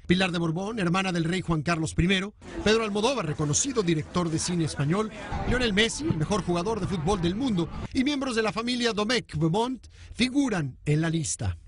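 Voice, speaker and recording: A middle-aged man reporting the news from a newsroom studio in a brisk, formal newscaster delivery. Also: sits high, lively intonation. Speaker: news correspondent.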